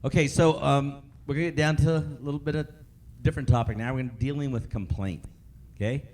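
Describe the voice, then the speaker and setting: In a meeting room before a live audience, a man presents a customer service training, repeating his points and asking the group questions. His voice is medium-pitched, steady, quick and a little mellow.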